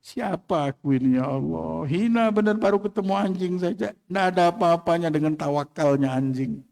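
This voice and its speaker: A man's voice: fairly high pitch, moderate pace, gravelly, a little mellow. A man playing a humble male saint who pleads and reproaches himself in a sermon story. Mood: ashamed prayer. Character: humble old male saint, shaken and ashamed.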